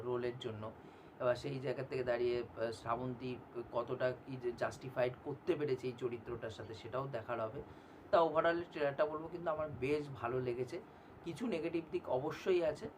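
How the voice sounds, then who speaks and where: A man speaking, giving a casual film trailer review on his channel and pausing often with fillers. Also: medium pitch, a little hiss or hum. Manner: conversational, hesitant with frequent fillers.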